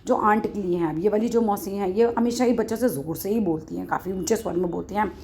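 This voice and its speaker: A woman teaching an English text online, reading English lines slowly and explaining them in Hindi while asking the class questions. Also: medium pitch, a little mellow, a little hiss or hum.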